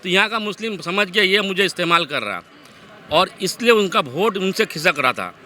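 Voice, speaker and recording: A man in a street interview lays out his argument at length, his voice pitched high and very bright. A faint noise sits under him outdoors. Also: animated, normal speed.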